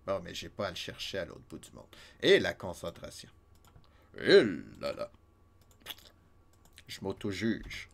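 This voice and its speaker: A man with a Québécois accent chatting casually while streaming a game, self-mocking and quick to laugh, a little stuffy from a cold. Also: low-pitched, vocal fry, fairly bright tone. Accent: Québécois French.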